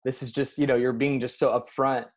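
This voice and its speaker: A man's voice: mid-range voice, flat delivery, a little fast. Man hosting, asking questions. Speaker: interview host.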